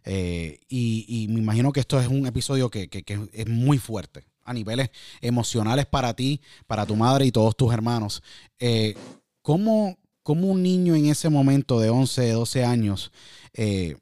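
A man hosts a podcast interview, eager and effusive, winding through long questions with plenty of hesitations. His voice is mid-pitched and sounds dry and close to the mic. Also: lively intonation, normal speed, warm tone, no room sound. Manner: enthusiastic, long rambling questions with fillers. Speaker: podcast host. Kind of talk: interview hosting.

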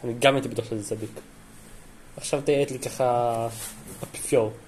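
A young man co-hosting a casual podcast chat, teasing and quick to contradict the others. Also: medium pitch, fairly even intonation. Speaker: podcast co-host. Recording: faint background noise.

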